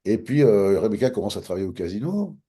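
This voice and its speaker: A low, husky voice from a Frenchman recounting his story in a relaxed interview. He talks with a mellow, dark tone and acts out both sides of old conversations as he goes. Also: quick pace. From France. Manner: animated, acts out both sides of past dialogues. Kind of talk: casual storytelling.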